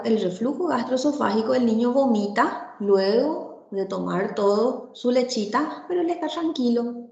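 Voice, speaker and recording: A woman's voice: medium pitch, creaky, a little mellow, highs cut off. Woman lecturing in an echoey room. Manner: tags nearly every phrase with "¿verdad?" or "¿sí?"; explanatory, speaks directly to the students. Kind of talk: medical lecture.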